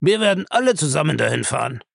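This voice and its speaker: A man's voice: a little high, very animated, quick pace, gravelly, no echo, studio quality, voice pushed up, heavily acted. A man reading a novel aloud, voicing an irascible, domineering old man who demands answers. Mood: bargaining, gruff.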